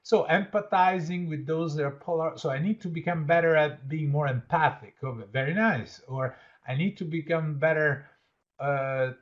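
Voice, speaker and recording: In a muffled recording, a man with a slightly high voice and an Italian accent leads an online training. Born in Italy, this workshop trainer reads out participants' answers, praises them warmly and repeats "absolutely" often.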